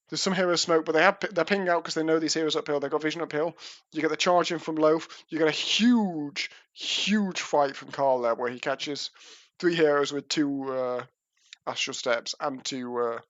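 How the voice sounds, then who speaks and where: A man's voice: a little high, a bit bright, no echo, highs cut off. A man casting an esports match live, with casual, self-mocking patter, heard through a livestream headset microphone. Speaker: esports caster. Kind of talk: live game commentary.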